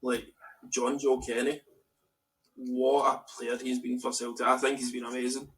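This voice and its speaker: A Scottish man co-hosting a casual podcast, rambling in an animated way about football. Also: medium pitch, normal speed. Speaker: podcast co-host. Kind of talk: casual chat. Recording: distant mic with faint background noise.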